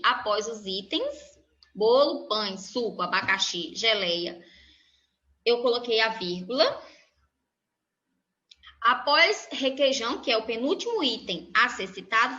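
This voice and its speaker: A woman teacher giving a slow, step-by-step recorded grammar lesson for children. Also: fairly high pitch, sharp tone. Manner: slow, explanatory, spells out each example. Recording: echoey room, dull lo-fi sound.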